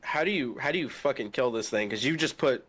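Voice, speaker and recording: A man's voice: mid-range voice, lively intonation, a bit bright. A man running a tabletop game as game master, describing the action with frequent laughs, fillers and swearing. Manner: laughs often, loose and profane, halting narration with fillers.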